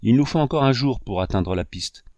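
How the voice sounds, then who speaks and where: A man's voice: mid-range voice, expressive, a little fast, darkish tone, no room sound, natural voice. A man voicing a jovial old male backwoods hunter who speaks in an easygoing, folksy way.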